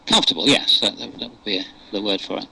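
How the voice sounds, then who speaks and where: An older man from England with a posh English accent answers questions in an unscripted radio interview, hesitating with many fillers and restarts. His lowish voice is quick, bright, forceful and husky with vocal fry, heard in a low-quality recording.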